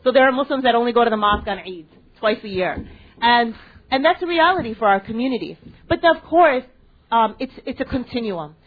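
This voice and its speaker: At a panel event in a library space, a young American woman addresses students, putting questions to them and stumbling through ums and restarts. Her voice is a little high, animated and husky, and the recording sounds tinny, like a phone.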